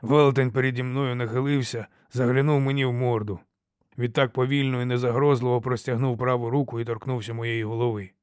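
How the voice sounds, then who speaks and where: A man reading an audiobook in a steady, measured first-person telling. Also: mid-range voice, clean tone, no echo, clean studio sound. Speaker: audiobook reader. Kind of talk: scripted audiobook narration.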